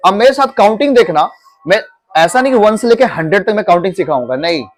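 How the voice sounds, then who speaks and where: High-voiced teacher drilling a class. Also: male voice, lively intonation, quick pace. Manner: repeats his own questions to drill the class; addresses students as "beta". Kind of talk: classroom pronunciation lesson. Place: classroom with students.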